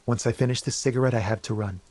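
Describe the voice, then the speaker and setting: A man playing a nervous young smoker in a video game, guardedly polite and mannered, speaking in a lowered voice. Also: fairly even intonation, racing, no echo, natural voice. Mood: uneasy. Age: young adult. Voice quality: lowered, hushed voice. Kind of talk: video game character acting.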